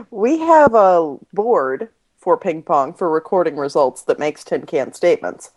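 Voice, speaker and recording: A woman with a lowish voice that swings up and down, talking in a casual podcast chat. She is enthusiastic and laughs often. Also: animated, measured pace, a little mellow.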